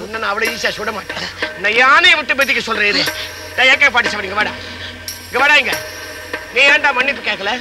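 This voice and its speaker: An actor playing a blustering comic gangster boss in a stage play, bossy and boastful, barking orders and threats. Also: male voice, very high voice, lively intonation, fast talker, long pauses, music in the background. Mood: threatening.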